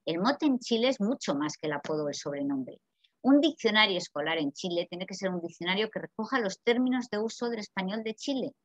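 A woman from Spain with a Peninsular Spanish accent giving a lively, chatty seminar lecture and asking the audience questions. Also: mid-range voice, brisk, dry recording. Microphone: video call. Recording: dull, dry video call audio.

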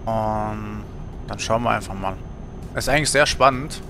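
Music plays behind a middle-aged man whose voice is on the low side and whose speed is normal. Streaming games from an indoor home setup, he chats in a casual, musing, colloquial manner.

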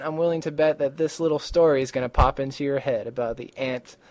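A man tutoring vocabulary in a relaxed, chatty way, with lots of fillers and restarts. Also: mid-range voice. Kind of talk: casual vocabulary lesson.

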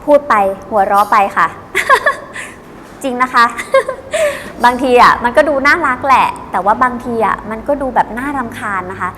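A woman coach giving casual, lively tips, chatty and quick to laugh and act out examples. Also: fairly high pitch. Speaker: personal image coach. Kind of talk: casual teaching tips to camera. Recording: long hall reverb, faint background noise.

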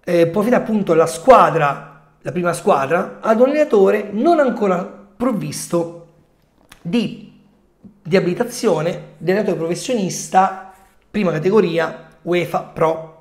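A man in his forties with a coughy, subdued voice, often clearing his throat, giving casual explanatory commentary straight to his viewers. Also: sits high, lively intonation, measured pace. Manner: conversational, addressing viewers directly. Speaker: football video host. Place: small home room, indoors. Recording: echoey room.

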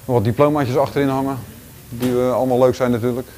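A man in his forties with a Rotterdam Dutch accent, giving a relaxed walking tour of his large indoor gym, talking casually with lots of fillers and restarts. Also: mid-range voice, fast talker, a little hiss or hum. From Netherlands. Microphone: handheld camera following him.

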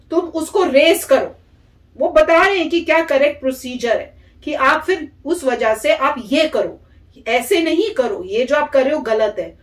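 A woman vlogger giving casual, animated reaction commentary and imitating the people she is reacting to. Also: on the high side. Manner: animated, mimics the soldiers' lines. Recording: echoey room.

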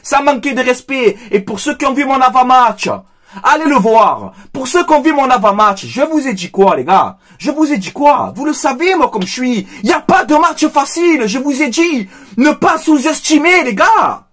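Heated high-voiced man. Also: lively intonation, moderate pace, a bit bright. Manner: heated, emphatic, repeats phrases, addresses viewers as "les gars". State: angry. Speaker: football fan commentator. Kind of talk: angry post-match debrief monologue.

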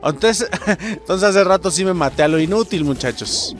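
A Mexican man doing let's play commentary, excitable, swearing and shouting at the game. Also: high voice, normal speed, soft background music. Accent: Mexican Spanish. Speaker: gamer host.

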